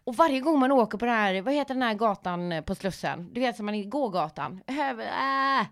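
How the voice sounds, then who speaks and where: A woman comedian in casual podcast chat, telling animated stories, swearing freely and laughing often. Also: medium pitch.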